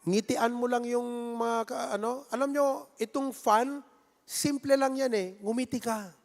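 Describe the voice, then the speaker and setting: Male pastor, Filipino accent, very high voice, playful joking sermon, long echo of a church hall. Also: unhurried. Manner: playful, jokes with the congregation and acts out little scenes; talks in a lively, conversational way. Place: church sanctuary.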